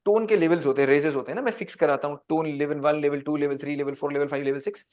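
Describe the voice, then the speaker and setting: Man, high voice, teacher, interactive lecture, asks the class questions. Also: steady tone, racing, a little mellow. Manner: quizzes the class with call-and-response questions.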